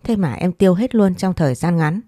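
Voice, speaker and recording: A woman's voice: lowish voice, expressive, a little fast, no echo, studio quality. A woman voicing an angry young husband who scolds his wife. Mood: scolding. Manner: shouting, scolding.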